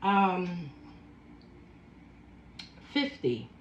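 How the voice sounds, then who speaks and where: A woman's voice: on the low side, very animated, reverberant, muffled recording, a little hiss or hum. A woman in her fifties with a Philadelphia accent, chatting casually while eating a seafood boil and savoring each bite. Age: 50s. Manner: slow, savoring, chatty with food sounds. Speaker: food vlogger.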